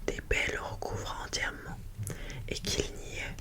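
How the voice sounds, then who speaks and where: An ASMR host reading a children's picture book aloud in a hushed library whisper, with gentle phrasing and small asides to listeners. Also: moderate pace.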